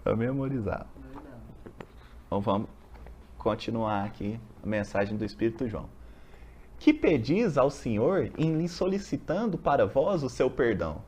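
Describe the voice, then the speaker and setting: A study group leader with a Brazilian accent reads from a text in a husky, slightly mellow voice whose pitch rises and falls freely, then unpacks it using homely examples and rhetorical questions. His casual, explanatory talk is animated and moderately paced with long pauses, in what sounds like a university group's meeting room.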